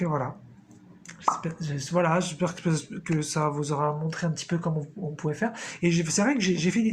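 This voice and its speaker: A man's voice: high voice, slight background noise. A man hosting his own channel, explaining a personal practice in a casual, chatty monologue and thinking aloud as he goes. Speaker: channel host.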